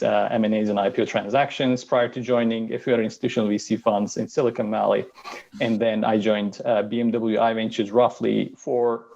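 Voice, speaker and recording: A man from Turkey, a guest on an online interview, answering briskly with frequent restarts and fillers. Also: lowish voice, gravelly, a little mellow, highs cut off. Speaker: guest, venture capital partner.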